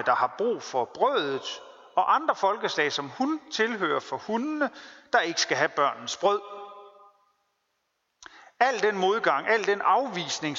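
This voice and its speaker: A man preaching a sermon as pastor, earnest and deliberate, stressing his points through repetition. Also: a little high, pushed and bright. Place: church. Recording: long church reverb, dull lo-fi sound.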